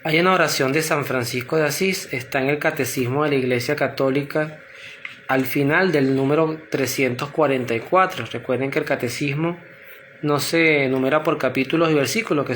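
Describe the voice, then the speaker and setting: A man's voice: a little high, a bit bright, a little hiss or hum. Earnest man leading prayer. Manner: earnest, unhurried, addresses God directly. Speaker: prayer leader. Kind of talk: spoken prayer and reflection.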